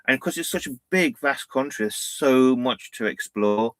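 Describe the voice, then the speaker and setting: A man's voice: medium pitch, lively intonation, moderate pace, no room sound. Chatty man, dry close sound. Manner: chatty, rambling, laughs often, says "bloody" and "innit". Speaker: van life channel co-host. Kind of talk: casual live-stream chat.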